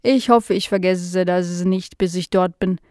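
A woman doing a slow, forgetful male house fly. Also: on the low side, steady tone, a little mellow, dry recording, clean studio sound, lightly acted. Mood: puzzled. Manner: very slow, drawn-out, puzzled.

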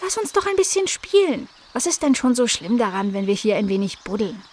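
A woman's voice: on the high side, very animated, a little fast, darkish tone, slight background noise. A woman voicing a cheeky, carefree young female cat.

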